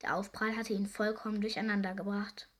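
A young woman reading a children's story aloud, lively and expressive. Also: medium pitch, brisk. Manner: lively, warm storybook narration.

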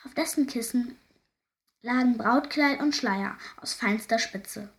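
A woman narrating a folk fairy tale in a lively, expressive way. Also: on the high side, a little slow. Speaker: storyteller.

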